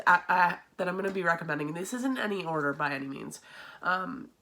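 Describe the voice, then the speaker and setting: A young woman hosts a horror channel on YouTube, chatting casually to the camera in a lowish, pushed, bright voice. A sinus infection makes her sound nasal and stuffy. She's chatty, laughs often, and keeps saying um and restarting her sentences.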